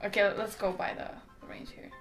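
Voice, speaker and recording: A woman's voice: medium pitch, normal speed, creaky, over music. A woman in her twenties chatting casually and giggling as she eats gross jelly beans in a taste challenge, recorded at home. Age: 20s. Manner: giggly, animated. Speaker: vlog challenge participant. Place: bright indoor room at home.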